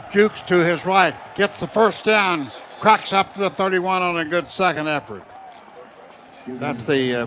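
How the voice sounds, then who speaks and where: An American radio play-by-play announcer for the Oklahoma team calls live college football from an outdoor stadium. His somewhat high voice runs through each play in clipped phrases, climbing into excited calls when big plays develop. The broadcast sounds dull and noisy.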